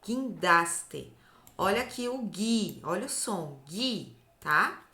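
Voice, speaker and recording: A Brazilian Portuguese woman teaching phonics to young children, stretching out syllables slowly and checking in after each point. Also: medium pitch, expressive, sharp tone, reverberant. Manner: slow, drawn-out syllables, often ends with "tá?". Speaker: literacy teacher. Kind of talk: slow, clear phonics lesson for children.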